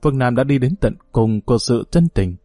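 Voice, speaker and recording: A man narrates a novel in a steady, measured audiobook reading. His voice is mid-pitched and mellow. The sound is dry and close, with faint music underneath. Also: no echo.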